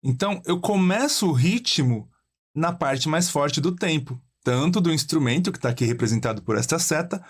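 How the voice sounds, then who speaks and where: Man teaching guitar, slightly high. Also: lively intonation, normal speed, breathy edge. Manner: explains step by step, counts beats aloud, checks in with "tá?". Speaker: music teacher. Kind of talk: video guitar and singing lesson.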